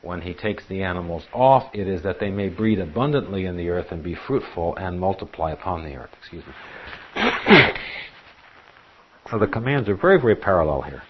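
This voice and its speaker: A man teaches a Bible class in a low, husky voice and asks earnest rhetorical questions. He reads scripture passages aloud along the way. The recording sounds dull and lo-fi. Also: big pitch swings, normal speed.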